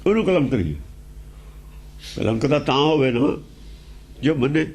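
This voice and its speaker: A man's voice: mid-range voice, animated, unhurried, a little mellow. A man with a Punjabi accent explaining scripture, repeating key phrases and asking rhetorical questions. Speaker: religious teacher. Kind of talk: scripture exposition talk.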